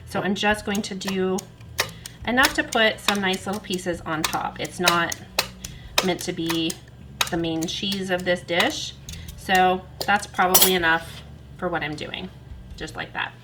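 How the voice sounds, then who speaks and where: A woman's voice: fairly low pitch, fairly even intonation, a little slow, heavy background noise. A woman hosting a home cooking demonstration in her kitchen, chatty and self-deprecating as she talks through each step while working. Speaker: cooking channel host.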